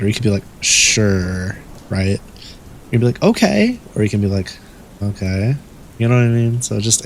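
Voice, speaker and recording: A man hosting a late-night stream, chatting in a relaxed, rambling way and swearing casually. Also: fairly low pitch, vocal fry, slight background noise, low-quality recording. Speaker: streamer host.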